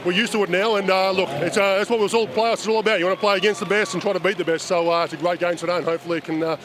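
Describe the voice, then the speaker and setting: A man's voice: high voice, fairly even intonation, racing, crowd noise. A man with an Australian accent, a player giving an informal, matter-of-fact interview with hesitant phrasing. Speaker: basketball player in half-time interview. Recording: music behind, courtside broadcast sound.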